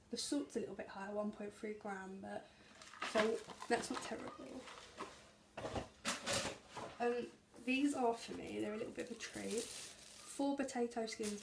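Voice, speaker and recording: Young woman vlogger, chatty label-reading haul talk, slight gravel, echoey kitchen with noise behind. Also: medium pitch. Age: young adult. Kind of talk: casual grocery haul vlog. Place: small home kitchen, indoors. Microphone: camera at arm's length.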